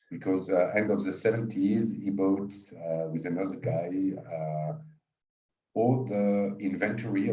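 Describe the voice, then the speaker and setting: A middle-aged man from Switzerland answers interview questions in a very low, mellow voice. He talks haltingly, restarting phrases and filling gaps with "uh". He sounds far from the mic in a roomy space, with a dull, muffled tone. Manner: halting, repeats words, many fillers. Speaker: company executive guest. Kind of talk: conversational interview. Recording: distant, roomy, dull remote audio.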